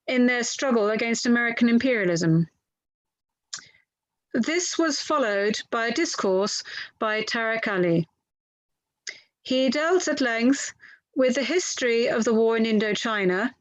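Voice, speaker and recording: A woman voices a courteous lawyer questioning a witness at a formal inquiry, her fairly high voice captured very dry with no echo. She reads methodically with slight halts, as if from a transcript, and the acting is light. The audio quality is poor.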